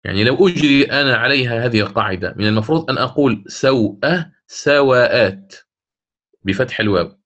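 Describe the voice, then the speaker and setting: A man with a North African Arabic accent teaching a lesson on Quran recitation rules. He explains, then slows down to recite the example words. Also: mid-range voice, lively intonation, fairly bright tone.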